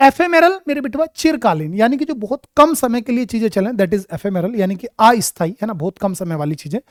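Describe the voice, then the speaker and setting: A man's voice: high voice, expressive, no echo. Male vocabulary teacher, fond and coaxing with students, quizzes them and answers himself, dry close recording. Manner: calls students "my child" and "darling", asks and answers his own questions; mixes English terms into quick Hindi explanations. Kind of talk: exam vocabulary lesson.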